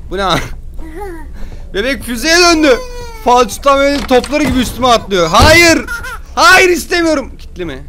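A young man doing excited gameplay commentary, jumping from loud yells and curses at the game to low muttering. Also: slight background noise. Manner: jumpy, yells and swears at the game, then mutters. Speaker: gaming YouTuber.

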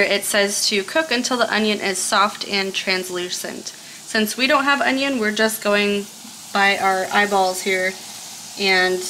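A woman's voice: mid-range voice, bright, forceful tone, a little hiss or hum. A woman explaining a recipe step by step in a casual, chatty cooking video, recorded in a home kitchen, laughing now and then. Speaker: cooking vlogger.

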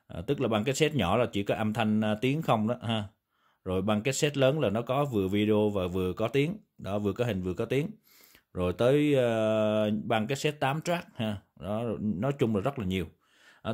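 A lowish, darkish male voice with a Southern Vietnamese accent belongs to a video host reviewing vintage audio equipment. Standing at a table in an indoor room, he demonstrates the gear in casual, unscripted talk that rambles and keeps repeating confirming tags.

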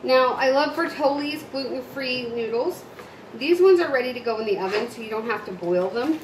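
Woman, home cooking demo, slightly high voice, echoey kitchen, noisy background. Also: lively intonation, normal speed. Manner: chatty, instructive, talks to viewers. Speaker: mom cooking on camera. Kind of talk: casual cooking demonstration. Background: child crying, household noise.

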